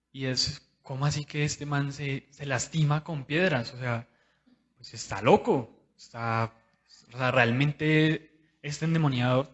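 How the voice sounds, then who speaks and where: A man's voice: on the high side, dull audio. A man preaching a sermon in a conversational, personal way, speaking straight to his listeners.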